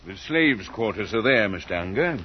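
Guy playing a snooty old rich dad, raspy, low voice that swings all over, muffled old radio sound. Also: animated, a little hiss or hum, close to an everyday voice. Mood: condescending. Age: older. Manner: dry, condescending and measured. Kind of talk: 1940s radio acting.

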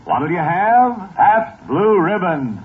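1940s radio announcer from an old broadcast disc. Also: male voice, high voice, big pitch swings, phone-quality sound, over loud music. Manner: brisk, upbeat salesman's delivery. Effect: old broadcast disc sound.

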